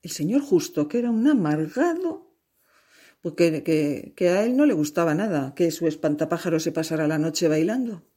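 A woman telling a children's tale aloud, expressive, with lively asides and sighs. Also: fairly low pitch, moderate pace, husky. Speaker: storyteller. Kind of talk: oral storytelling.

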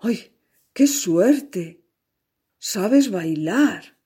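A meek, dreamy scarecrow from a storybook , played by a woman, earnest and pleading. The voice is soft and husky, and it moves slowly. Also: mid-range voice, expressive, exaggerated voice. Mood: delighted.

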